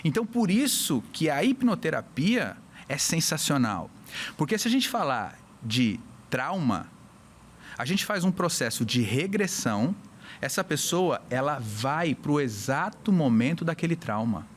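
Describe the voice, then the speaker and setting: A man from Brazil, a hypnotherapist on a casual podcast, explaining with lively little acted-out scenes. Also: a little high, unhurried, slight background noise. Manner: animated, acts out little scenes with voices. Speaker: hypnotherapist guest.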